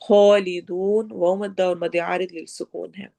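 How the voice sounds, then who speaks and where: A woman with a Pakistani Urdu accent teaching recitation rules, switching between quick explanations and slow modeled readings. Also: on the low side, flat delivery, vocal fry, a little mellow. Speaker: Quran teacher.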